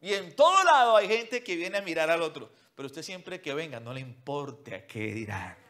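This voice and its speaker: A man preaching a sermon as pastor, swinging from loud emphatic calls to near-whispers and addressing listeners directly with repeated commands. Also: fairly high pitch, sing-song, normal speed. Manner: mocks what churchgoers say in a whiny put-on voice.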